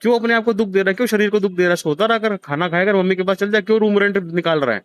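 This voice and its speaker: A man's voice: sits high, very fast, smooth, no room sound. A man in his thirties, hosting, gives a blunt, profane scolding to a gambler in a harsh heart-to-heart lecture. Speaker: host counseling a gambler.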